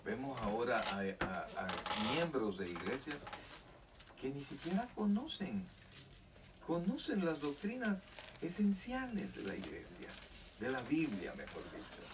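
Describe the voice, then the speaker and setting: A man's voice: mid-range voice, very animated, a little slow. A man preaching a sermon as pastor of a church, fervent with emphatic rises. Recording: distant mic with faint noise.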